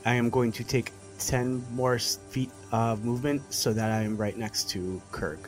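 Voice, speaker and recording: A man with a medium-pitched voice talks casually as he plays a tabletop game. There is music in the background. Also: steady tone, normal speed.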